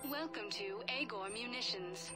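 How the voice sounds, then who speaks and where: A polite shop loudspeaker greeting, welcoming each customer in a fairly high, even announcer tone. Loud background music plays beneath the announcement. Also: female voice, measured pace. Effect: store announcement over a loudspeaker.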